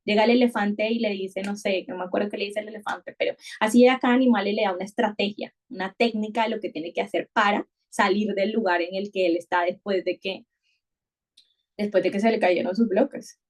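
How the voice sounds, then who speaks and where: A woman speaks in a middle pitch on a conversational podcast. She sounds reflective and searching. She circles back on words and restarts phrases while thinking aloud. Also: fairly even intonation, a little fast. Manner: thoughtful, many restarts and repetitions.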